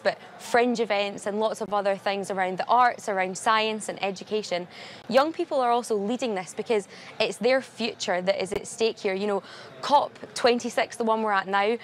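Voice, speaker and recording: A woman's voice: mid-range voice, a little hiss or hum. Earnest young woman on the news. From Glasgow, Scotland. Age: young adult. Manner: earnest, steady and articulate, stressing urgency. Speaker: climate campaigner, guest. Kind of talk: live TV news interview. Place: at a large climate summit venue.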